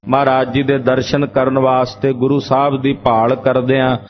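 A man's voice: mid-range voice, monotone, normal speed. A man preaching a Sikh sermon, explaining each sung verse by repeating its meaning in several phrasings. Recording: lo-fi dull recording.

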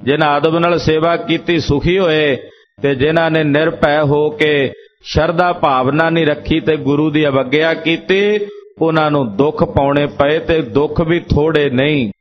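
A man's voice: fairly high pitch, fairly even intonation, unhurried. A man preaching a Sikh sermon, explaining each sung verse by repeating its meaning in several phrasings. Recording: lo-fi dull recording.

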